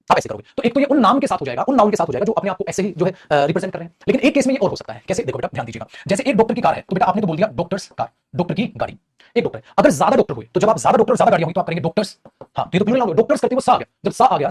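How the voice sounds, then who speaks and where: Brief: middle-aged male tutor, husky, rapid-fire, repetitive, lecturing a live class. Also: a little high, darkish tone. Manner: rapid, repetitive, calls students beta, asks and answers his own questions. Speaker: English grammar teacher.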